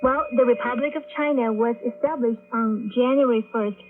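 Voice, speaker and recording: A woman radio host announces and chats with a co-host, her voice on the high side at a moderate pace. The recording is tinny shortwave radio with music.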